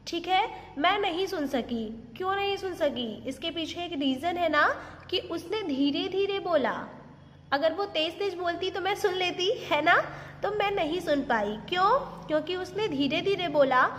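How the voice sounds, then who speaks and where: A woman teaching a grammar lesson online, switching between Hindi explanations and deliberate examples and often asking "Is that clear?". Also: extremely high pitch, fairly bright tone, long reverb tail, slight background noise. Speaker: English teacher.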